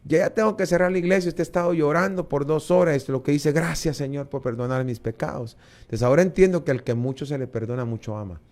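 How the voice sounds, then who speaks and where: Speaking fast in a slightly high voice, a man with a Guatemalan Spanish accent appears as a guest in an interview. He shares a spirited personal testimony, performing the dialogue and frequently repeating words.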